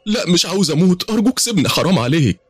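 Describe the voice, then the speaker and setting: A man voicing a frightened young female university student in a horror story, pushing his voice high and strained, with an Egyptian accent. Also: sing-song, very fast, breathy edge, no room sound, soft background music. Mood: terrified. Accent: Egyptian Arabic.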